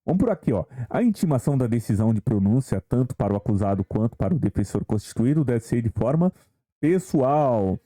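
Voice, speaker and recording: Very dark-voiced man teaching a lesson. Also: mid-range voice, very animated, a little fast. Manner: talks to viewers with many rhetorical questions. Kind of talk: online exam-prep lesson.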